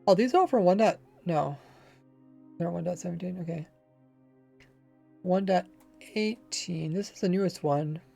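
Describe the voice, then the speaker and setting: A high, mellow, gravelly male voice moves at a measured pace with long pauses during a Minecraft livestream, soft music playing behind. He chats and rambles casually, slightly mumbling in a lazy way with a faint accent.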